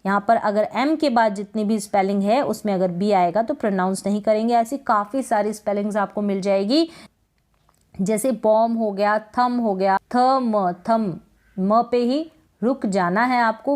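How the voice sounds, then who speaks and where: A woman's voice: mid-range voice, normal speed, a little mellow. A woman teaching English pronunciation, explaining patiently, repeating each word and answering her own questions. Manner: patient, repeats words and asks questions then answers them. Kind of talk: explaining lesson.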